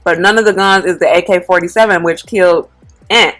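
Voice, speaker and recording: A woman hosts an eat-with-me video, retelling a story in casual, slangy talk full of "like" and "um." Her voice sits a little low for a woman. Soft music plays faintly in the background. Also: brisk. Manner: relaxed, slangy retelling with frequent fillers. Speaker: mukbang channel host. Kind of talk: casual storytime while eating.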